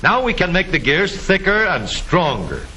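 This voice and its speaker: A man narrating a 1950s educational film in a scripted, step-by-step explanatory style, with deliberate phrasing. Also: high voice, wildly swooping pitch, sharp tone. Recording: hissy vintage 1950s film soundtrack.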